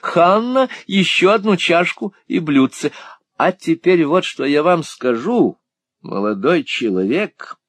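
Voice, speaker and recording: A man reading an audiobook, voicing a small, lively, lonely spinster painter who talks in a fussy, excitable, teasing way. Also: on the high side, slow, dry recording, studio quality, pitched above the performer's own voice. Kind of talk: audiobook character voice.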